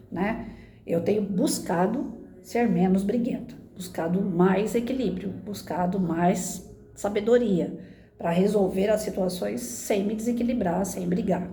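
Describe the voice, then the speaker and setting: Earnest woman in her fifties, lively pitch. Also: roomy sound. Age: 50s. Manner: earnest, conversational, many tag questions. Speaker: former teacher giving parenting advice. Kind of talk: casual spoken reflection to camera.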